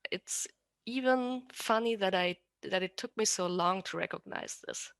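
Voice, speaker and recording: In clean studio quality with no echo, a woman speaks at medium pitch, unhurried, gravelly and a bit bright. She's a rigger and podcast guest with an Austrian accent, German as her first language, chatting casually while often restarting and correcting herself.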